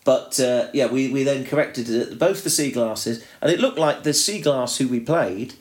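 A man's voice: medium pitch, normal speed. Rambling British man co-hosting a podcast. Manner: rambling, with many restarts and fillers. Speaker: podcast co-host. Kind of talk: casual chat.

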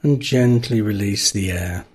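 A man narrating a guided meditation, giving calm, gentle instructions with long pauses. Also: fairly low pitch, breathy edge.

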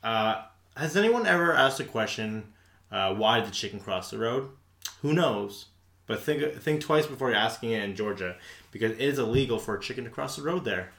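A man with a mid-range voice co-hosting a casual podcast, sarcastic and quick to swear. His voice rings with echo from the room around him. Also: medium pitch, lively intonation, creaky, a bit bright. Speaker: podcast co-host. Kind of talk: casual chat.

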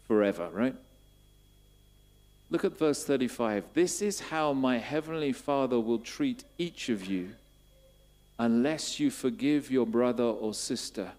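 A man preaching a sermon, asking repeated questions and building to emphatic, louder bursts. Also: mid-range voice.

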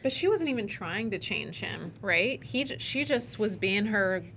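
A woman co-hosting a casual podcast, animated and teasing. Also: medium pitch, a little slow, creaky, breathy edge. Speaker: podcast co-host.

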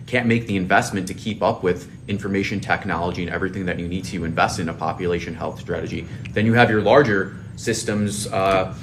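A man's voice: low-pitched, brisk, hardly any pauses, a little hiss or hum. A man in his thirties speaking as a podcast guest in a conversational, professional style. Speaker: podcast guest, financial advisor.

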